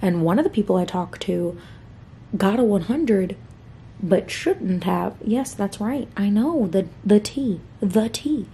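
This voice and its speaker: Young woman rambling to the camera at home, mellow warm voice, a little faint noise behind. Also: medium pitch, lively intonation, a little slow. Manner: chatty and rambling, fond of saying "like". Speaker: vlogger. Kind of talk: casual chat to camera.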